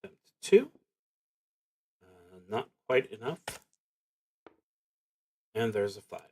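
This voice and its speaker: A husky, fairly low male voice with a sing-song lilt talks through his moves while streaming a solo tabletop roleplaying game. His thinking aloud is halting and reflective.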